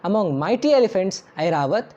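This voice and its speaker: एक महिला जो धार्मिक श्लोकों को गाकर पढ़ती है और फिर उनका अर्थ शांत, नपे-तुले ढंग से पढ़कर सुनाती है।. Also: female voice, medium pitch, expressive, very slow, mellow. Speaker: scripture reciter and translator. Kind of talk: chanted verse recitation with read translation. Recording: dull lo-fi recording over faint instrumental music.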